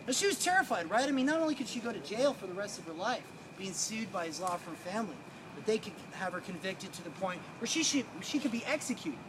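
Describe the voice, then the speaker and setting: A man's voice: high voice, big pitch swings, fast talker. A man working as a ghost tour guide, telling stories theatrically to a live group in a colloquial, wry way. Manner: colloquial, wry, acts out dialogue. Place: outdoors on a city street. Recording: outdoor street noise with traffic.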